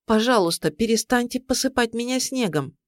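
A man's voice: high voice, animated, a little slow, no echo, studio quality. A man reading aloud, voicing a weak, feverish young woman who speaks faintly and plaintively.

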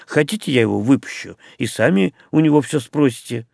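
A man's voice: mid-range voice, expressive, fairly quick, vocal fry, darkish tone, no room sound, clean studio sound. A man voicing a cheerful, joking young male doctor in an audiobook. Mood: breezy.

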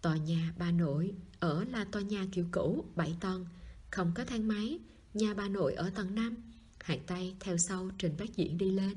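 A woman reads a novel aloud as an audiobook. Her voice is husky and a little breathy, and she keeps a calm, even storytelling pace. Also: medium pitch, moderate pace. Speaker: audiobook narrator. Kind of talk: audiobook narration.

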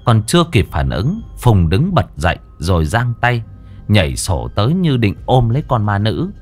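A man's voice: lowish voice, huge pitch swings, normal speed. A man narrating a ghost story in a vivid, colloquial storytelling manner. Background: soft music.

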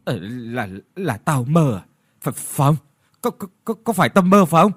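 A man's voice: a little high, sing-song, moderate pace, husky, dry recording, studio quality. A man doing a coarse stammering old master. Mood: stammering, terrified. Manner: shouting, stammering. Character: coarse old rich man, blustering and easily terrified. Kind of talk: horror story narration.

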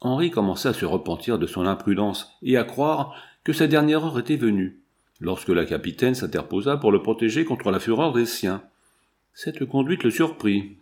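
A man reading a novel aloud in a measured, dramatic narration. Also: fairly low pitch, darkish tone. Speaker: audiobook reader. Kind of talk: scripted narration.

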